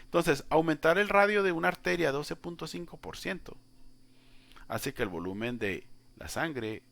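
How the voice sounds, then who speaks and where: A man's voice: medium pitch, a bit bright. A man teaching a calculus lesson, chatting directly to the student and walking through each step. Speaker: math teacher. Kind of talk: informal whiteboard lesson.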